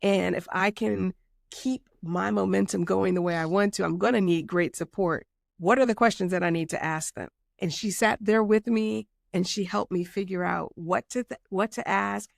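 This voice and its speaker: A woman hosts a podcast interview with a noticeably gravelly voice. She encourages her guest with short affirmations and reflective questions. The sound is dry and close. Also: mid-range voice, steady tone, normal speed, dry recording. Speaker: podcast host. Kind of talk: conversational interview.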